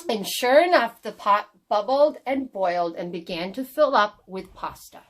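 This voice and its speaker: A woman reads a children's story aloud with expressive, storytelling flair. Her voice sits at a medium pitch and moves at a normal speed.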